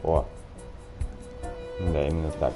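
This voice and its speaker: A man's voice: a bass voice, fairly even intonation, measured pace, over music, low-quality recording. A man making dry, sarcastic asides as he plays a game. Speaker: gameplay streamer. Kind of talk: casual game commentary.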